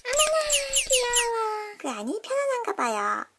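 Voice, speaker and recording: A woman's voice: sits high, big pitch swings, measured pace, heavy background noise. A woman narrating a toy unboxing for children, gushing with delighted exclamations and explaining each step in a sing-song, kid-friendly way. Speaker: toy unboxing channel host.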